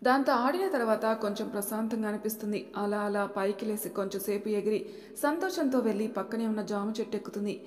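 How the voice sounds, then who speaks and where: A woman's voice: mid-range voice, fairly quick. Woman narrator in an echoey room. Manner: plain steady storytelling. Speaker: storyteller. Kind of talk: audiobook narration. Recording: echoey room with long reverb.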